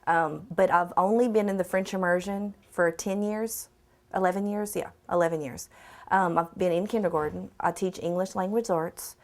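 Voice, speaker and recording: Woman, middle-aged, medium-pitched voice, interview self-introduction, kindergarten teacher. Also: fairly even intonation, normal speed.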